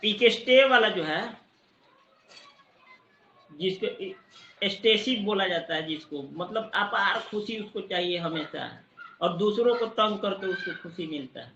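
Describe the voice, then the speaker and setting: High, bright-voiced man teaching. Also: lively intonation, roomy sound, muffled recording, slight background noise. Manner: explanatory, repeats technical terms slowly. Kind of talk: online study-group lecture. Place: sitting near a busy market.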